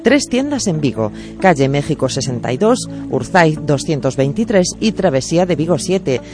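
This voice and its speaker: A man's voice: a little high, sing-song, moderate pace. A man announcing a radio advertisement in a scripted infomercial style. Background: music bed.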